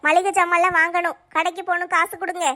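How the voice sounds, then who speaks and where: High nagging cartoon housewife, voiced by a woman. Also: little pitch movement, quick pace, pushed and bright. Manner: nagging, indignant. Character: complaining housewife, sulky and quarrelsome.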